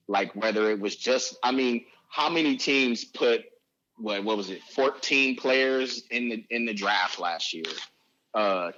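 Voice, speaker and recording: A man's voice: on the low side, sharp tone, highs cut off. A middle-aged man chatting casually in an interview, rambling and hesitant, often repeating himself. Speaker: father of a recruited athlete, interviewee.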